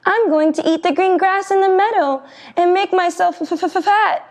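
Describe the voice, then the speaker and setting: Storybook goat, middle brother, timid and stammering, very high; woman reader puts it on. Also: animated, unhurried, darkish tone. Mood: stammering scared. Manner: stammering, frightened.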